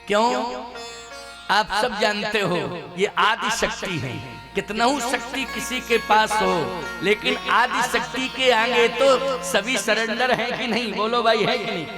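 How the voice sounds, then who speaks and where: A man's voice: high-pitched, fairly even intonation. A man giving a devotional sermon and telling a story, who keeps asking his audience questions. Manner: asks the audience questions, drawn-out emphatic phrasing. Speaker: katha preacher. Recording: loud sitar music under voice.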